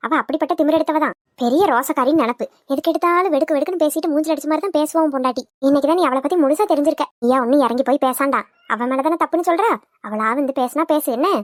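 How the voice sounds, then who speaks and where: A woman's voice: high-pitched, rapid-fire, no room sound, studio quality, lightly acted. A woman voicing a scheming, scolding old village mother-in-law for a cartoon. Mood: scornful. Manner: scolding, nagging, grumbling. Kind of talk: cartoon voice acting.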